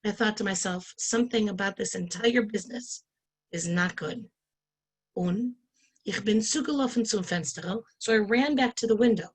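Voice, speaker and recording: A woman's voice: mid-range voice, normal speed, breathy edge. Woman reading a story aloud. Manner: reads each line then translates it. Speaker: storyteller and Yiddish teacher.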